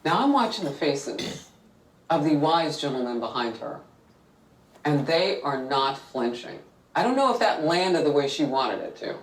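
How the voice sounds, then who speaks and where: A news anchor introducing cable news stories in a measured, pointed delivery. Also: male voice, fairly high pitch, big pitch swings, roomy sound, recorded from a distance, low-quality recording.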